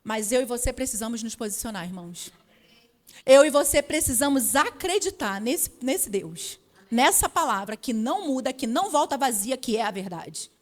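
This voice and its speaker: A woman preaching a sermon, telling a personal testimony and acting out conversations before building to loud emphatic proclamation. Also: a little high, animated, normal speed.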